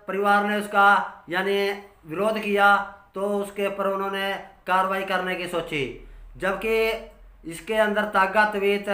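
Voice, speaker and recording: An older man from Haryana, India, explains dairy farming informally, working from prepared notes. He's in his sixties, with a bright, forceful tone that stays mostly level. The setting is a small curtained room at home, which gives the audio a roomy echo.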